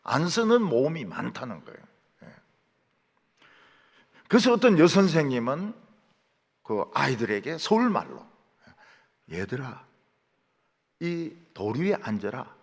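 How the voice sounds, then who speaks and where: A middle-aged man preaches in a Gyeongsang accent, acting out dialect words as he tells his stories. His voice is raspy and gravelly, and his pitch swings dramatically. The sound carries a long reverb from a big church hall. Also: unhurried, long pauses. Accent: Gyeongsang Korean. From Gyeongsang region, Korea. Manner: animated storytelling, mimicking dialect words. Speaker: pastor. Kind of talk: sermon. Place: large church sanctuary.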